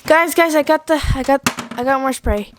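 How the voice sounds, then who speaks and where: A woman voicing a calm, helpful mom doll in doll pretend play, talking gently and without hurry. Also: high voice, normal speed, background noise, natural voice. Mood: flustered.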